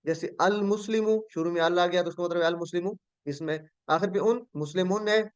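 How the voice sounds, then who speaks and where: A man's voice: sits high, a little fast, clear, resonant tone, no echo. A male teacher leads an online Arabic grammar class. He speaks patiently, repeats key words and asks his students questions. The sound is dull and dry, as if from a computer microphone on a video call.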